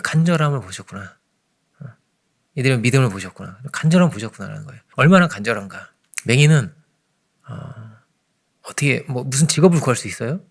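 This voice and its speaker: Gravelly-voiced man preaching conversationally. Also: medium pitch. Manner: conversational preaching, frequent "그죠?" asides, sudden swings between loud and hushed. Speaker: pastor. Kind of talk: early morning sermon.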